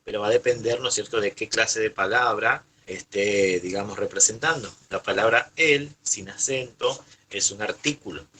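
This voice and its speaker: A man's voice: on the low side, moderate pace, hardly any pauses, rough recording. A middle-aged man with an Argentine accent teaching a grammar lesson, patiently repeating points and checking in with his class. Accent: Argentine Spanish. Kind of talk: online class explanation.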